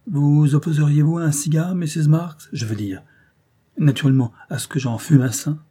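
A man reading an audiobook aloud, voicing a courteous, precise young gentleman lawyer with a husky, mellow voice. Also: fairly high pitch, moderate pace, pitched above the performer's own voice. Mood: polite.

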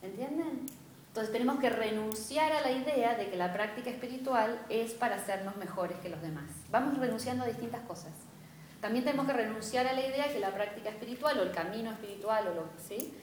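A woman's voice: on the high side, brisk, a little hiss or hum. Woman, Rioplatense accent, spiritual teacher, class lecture, engaging, echoey classroom. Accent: Rioplatense Spanish. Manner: engaging, often checks in with the group. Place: classroom with students present. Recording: echoey room.

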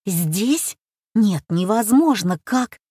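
A woman voicing Avir, a suspicious, excitable young boy, in an audiobook. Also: medium pitch, takes it slowly, slightly rough, no room sound, clean studio sound. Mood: alarmed. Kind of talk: audiobook character voice.

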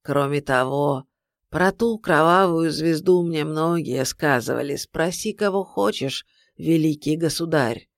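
A reader voicing an old blind sorcerer who speaks slowly, weightily and solemnly. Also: medium pitch, dry recording, studio quality, close to an everyday voice. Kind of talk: audiobook character voice.

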